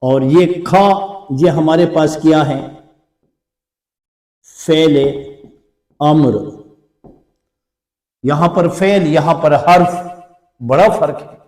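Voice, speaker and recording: A male teacher with an Urdu accent who explains slowly, repeating words to show their pronunciation in a classroom lesson. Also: fairly high pitch, a little mellow, echoey room, recorded from a distance. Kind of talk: slow blackboard lesson.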